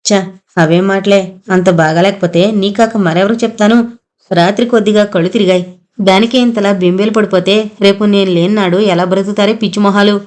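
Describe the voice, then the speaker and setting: A woman voicing a frail, ailing older mother who speaks softly and tenderly, in a storybook reading. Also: medium pitch, fairly even intonation, a little fast, lightly acted. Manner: soft, tired and tender.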